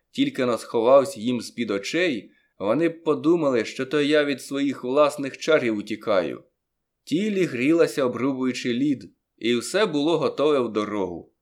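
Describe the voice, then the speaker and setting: A man narrating a first-person story aloud as an audiobook reader, in a lively storytelling manner that stretches some words slowly for effect. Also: mid-range voice.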